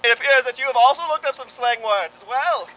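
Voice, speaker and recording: A man's voice: very high voice, a little fast, sharp tone, rough recording. A man co-hosting a comedy news bit in a folksy 1940s radio announcer impression, full of dated slang and exclamations.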